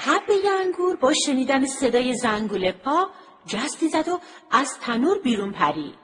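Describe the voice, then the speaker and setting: A woman's voice: sits high, big pitch swings. A woman narrating a children's story expressively, over music.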